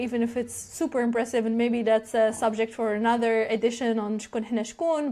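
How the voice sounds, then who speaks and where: A woman hosts a podcast, opening with a scripted introduction before moving into conversation with her guest. Her voice sits a little higher than most women's. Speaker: podcast host.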